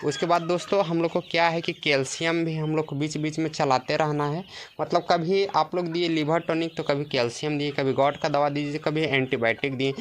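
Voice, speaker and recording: A man's voice: on the high side, level tone, a little fast, a little hiss or hum. A male poultry farmer giving an informal tour of his farm shed with casual advice, often checking in with listeners. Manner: casual, repeats "है ना" and "देखिए". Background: chickens clucking.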